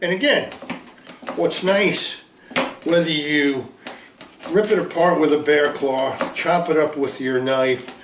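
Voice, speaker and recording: Cheery pitchman cooking on camera, slightly high voice, roomy kitchen sound with faint hum behind. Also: takes it slowly, long pauses. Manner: folksy, upbeat pitchman. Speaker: small food business owner. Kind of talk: cooking demonstration.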